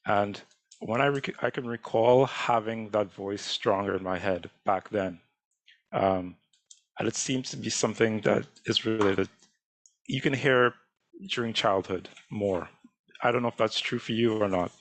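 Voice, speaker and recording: A man from Trinidad hosting an interview, asking questions in a halting way while searching for words. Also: on the low side, no echo. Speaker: host.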